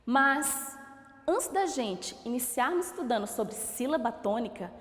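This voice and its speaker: A woman's voice: on the high side, lively intonation, measured pace. A woman teacher giving a recorded school lesson, stretching out example words in a sing-song way to show their stress. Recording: echoey room with long reverb.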